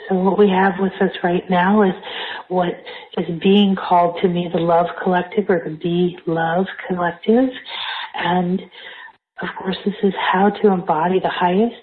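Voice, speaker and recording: A woman's voice: on the low side, flat delivery, moderate pace, breathy edge. A woman speaking as a spiritual coach, hosting a live group call and guiding listeners through meditation. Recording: thin, phone-like call audio.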